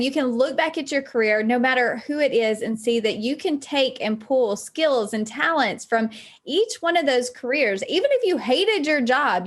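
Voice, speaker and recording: A woman interviewer asking conversational questions in a polite, encouraging way. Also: high-pitched.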